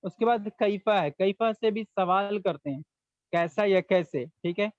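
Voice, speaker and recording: A man with a fairly high voice gives an online language lesson at a slow, patient pace. He breaks each phrase into single words and repeats every translation. The sound is dry and dull, close to the mic. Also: no echo. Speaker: Arabic teacher.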